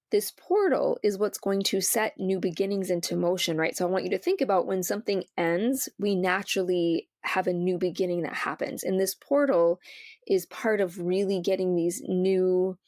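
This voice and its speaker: A woman's voice: medium pitch, a little mellow, dry recording, clean studio sound. A woman hosting a solo spiritual podcast from inside a small trailer, explaining and guiding the listener directly. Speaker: podcast host.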